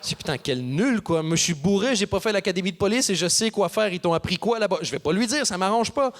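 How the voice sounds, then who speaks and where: A Canadian man doing stand-up, telling a story and acting out the people in it with quick voice changes. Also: high voice. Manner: animated, acts out characters with voices. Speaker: stand-up comedian. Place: theater stage before an audience.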